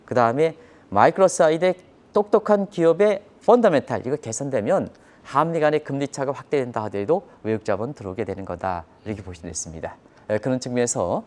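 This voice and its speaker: On a live broadcast, a man with a medium-pitched, darkish voice offers economic commentary. His manner is emphatic and explanatory, and he throws in rhetorical questions.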